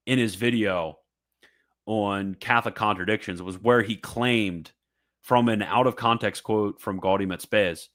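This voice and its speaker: A man's voice: fairly low pitch, a bit bright. A man giving fervent, emphatic commentary, reading a religious text aloud and reacting with repetition and mocking asides.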